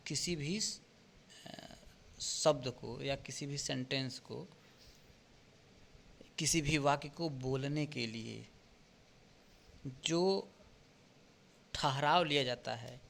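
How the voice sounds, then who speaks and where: A man teaching in a slow, unhurried way, going through exam answers one by one and often checking in with his students. His voice sits a little high for a man. A faint hiss runs under the recording. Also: vocal fry, a bit bright. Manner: explains step by step, often checks with "ठीक?". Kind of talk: exam paper walkthrough lesson.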